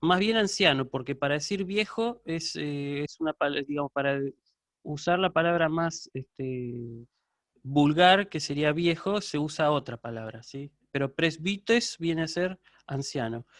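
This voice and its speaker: Argentine male lecturer, slightly higher voice. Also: expressive, a little slow, a bit bright, no echo, clean studio sound. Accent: Argentine Spanish. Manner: patient explaining, checks understanding with constant "¿sí?"; answers student questions live. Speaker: university lecturer. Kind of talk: online class lecture.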